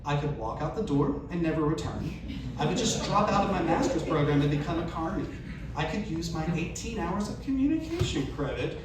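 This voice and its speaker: At a live storytelling event, a man with a slightly high voice reads a humorous first-person story aloud to an audience, performing it very animatedly and briskly, acting out dialogue and self-questions. The recording is made from far off in a very echoey, noisy venue.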